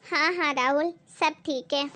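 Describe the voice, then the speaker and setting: A woman voicing a scheming spoiled daughter, whiny, high, bright. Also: a little slow. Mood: complaining. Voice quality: whiny, tattling. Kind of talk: Hindi family drama acting.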